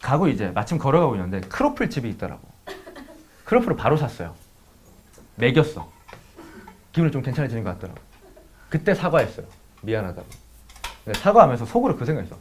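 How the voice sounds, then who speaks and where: A man's voice: medium pitch, very animated, fast, long pauses, slight background noise. A man teaching math to students, mixing a blunt, profanity-laden personal story into a casual lecture. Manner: blunt, swears freely, talks straight to students.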